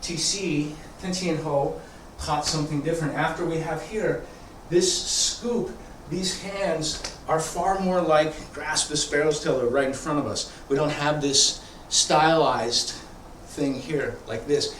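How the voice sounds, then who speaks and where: A man's voice: a little high, fairly even intonation, takes it slowly, hardly any pauses, a bit bright. Guy explaining tai chi stuff off the cuff, froggy throat, stop and start, distant mic w lots of echo. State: throat congested, often clearing it. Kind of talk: informal explanatory teaching. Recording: echoey room, distant mic, background noise.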